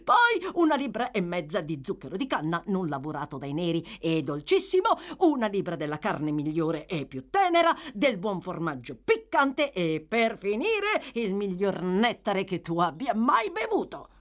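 Lady doing a cheeky young pickpocket kid, eager, show-offy, high and bouncy. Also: huge pitch swings, normal speed, hardly any pauses. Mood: excited.

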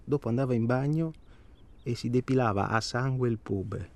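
Playing a nervous middle-aged husband in a realistic radio play, the male actor talks hesitantly and at length, repeating things and seeking agreement. His mid-range voice runs at normal speed and stays close to an everyday voice, confiding and wry in mood.

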